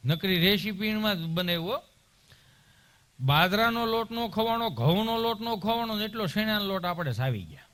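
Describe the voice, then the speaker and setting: A man telling comic stories in stand-up, animated and punchy. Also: high voice, normal speed. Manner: animated, punchy, anecdotal delivery. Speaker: comedian. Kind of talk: stand-up comedy storytelling.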